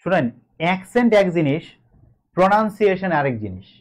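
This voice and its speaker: A man's voice: sits high, big pitch swings, a little fast. A man with a Bangladeshi Bengali accent teaching an online grammar class, chatty and reassuring. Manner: chatty, reassuring, switches between explaining and coaxing.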